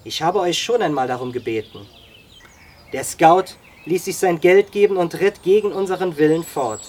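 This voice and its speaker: A reader voicing Shiso, a modest young scout who speaks low and quietly. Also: normal speed, slight background noise, natural voice.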